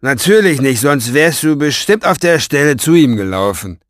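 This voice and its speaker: Reading a storybook, a man voices a scheming, vain, gloating villain with a velvety, mid-range, expressive voice and a mocking, drawn-out, theatrical delivery. The voice is pushed up and lightly acted, in clean studio sound with no echo.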